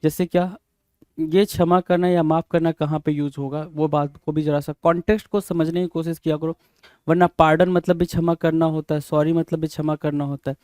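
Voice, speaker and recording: Man, vocabulary teacher, spells words out, mellow, smooth, dry close sound. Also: a little high, level tone, fairly quick, no echo. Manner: drills words by spelling them out letter by letter; keeps asking "bhai?" as a rhetorical prompt. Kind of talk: exam-prep vocabulary lesson.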